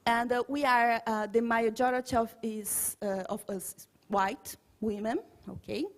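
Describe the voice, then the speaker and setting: Woman, Brazilian accent, native Portuguese speaker, fairly high voice, very slow halting delivery, searching for English words as she translates mentally, informal academic presenting. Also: fairly even intonation. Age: 30s to 40s. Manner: often ends statements with a checking "okay?". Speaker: conference presenter.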